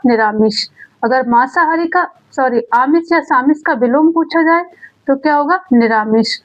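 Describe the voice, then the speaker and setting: Female teacher, high voice, exam-prep lesson; poses then answers her own questions, muffled lo-fi audio. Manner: repeats key words slowly. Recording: dull lo-fi sound.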